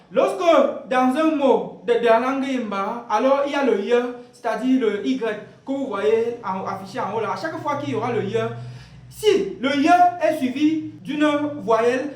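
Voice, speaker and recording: A man with a strikingly high voice leads an online language lesson. He explains slowly and patiently, repeats his points and poses rhetorical questions that he then answers himself. The recording has a noticeably roomy echo. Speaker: language teacher.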